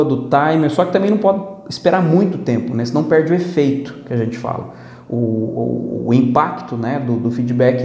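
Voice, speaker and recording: A man's voice: a little high, warm tone, reverberant. A man with a Brazilian Portuguese accent, a professor casually answering student questions and often adding tag questions. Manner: conversational, frequent "né?" tag questions and restarts. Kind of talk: casual spoken lecture.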